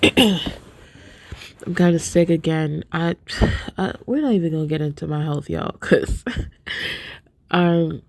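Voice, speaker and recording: With a deep, gravelly voice, a stuffed-up podcast host sniffles as she talks to her viewers, soft-spoken, earnest and casual. The recording is dry.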